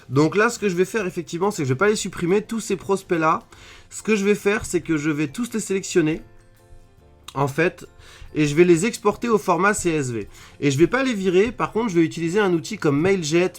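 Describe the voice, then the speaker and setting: A man giving a casual screen-share tutorial at his computer, talking straight to the viewer with plenty of fillers. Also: a little high. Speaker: online marketing trainer. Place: at his desk indoors. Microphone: computer webcam mic.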